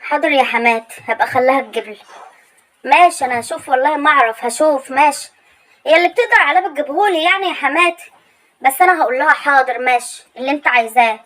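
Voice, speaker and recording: A high-voiced young Egyptian daughter-in-law , played by a woman who talks very fast. She stays patient and obliging, agreeing politely to every demand in a comedy sketch. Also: fairly bright tone, poor audio. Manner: meek, obliging replies.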